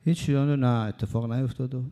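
A man preaching, telling a story in a conversational, lively sermon style. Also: medium pitch.

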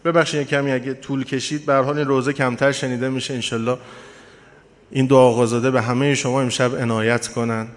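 A man's voice: medium pitch, little pitch movement. A male preacher telling a mourning story as a sermon, with emotional storytelling and direct address to the mourners. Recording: long hall reverb.

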